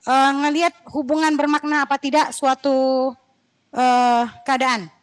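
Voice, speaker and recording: Woman, high-pitched, university lecturer, chatty, rambling asides, mildly scolding. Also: flat delivery, a little slow. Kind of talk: classroom lecture.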